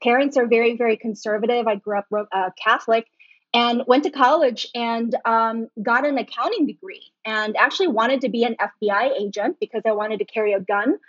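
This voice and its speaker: A middle-aged woman from Hong Kong, a guest on a podcast interview, explaining things warmly and laughing easily. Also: a little high, a little fast, no echo. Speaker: guest, BaZi reader and feng shui master. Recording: dull lo-fi, dry.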